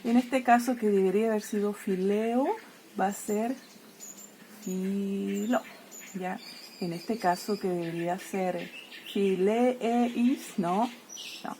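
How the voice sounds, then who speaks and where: A woman teacher explaining grammar to her students, checking in constantly with a quick "¿ya?" and playfully treating letters as if they fight and die. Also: mid-range voice, steady tone, warm tone, slight background noise. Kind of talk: explaining Greek grammar lesson.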